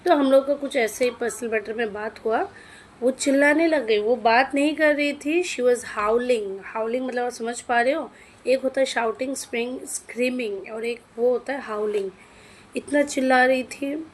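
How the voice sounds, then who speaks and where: A woman's voice: on the high side, moderate pace, slight background noise. A woman in her thirties, an English teacher, telling a personal story in a chatty way and slipping English words into her speech. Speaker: English teacher running her own coaching classes.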